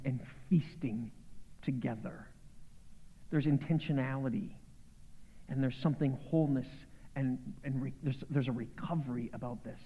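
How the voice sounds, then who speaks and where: A man preaching a sermon as pastor, conversational and joking, with animated bursts. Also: mid-range voice. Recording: phone-like sound with long hall reverb.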